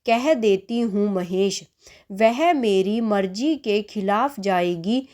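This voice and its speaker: A woman's voice: mid-range voice, expressive, slow pace, a little mellow. A woman voicing a stern, angry middle-aged mother-in-law who scolds indignantly in a storybook tale.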